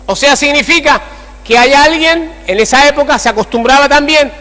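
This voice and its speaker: Male pastor, very high and sharp voice, lively sermon delivery that keeps checking in with the room, long hall reverb. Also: normal speed. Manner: animated, constantly asking the congregation for agreement. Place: church.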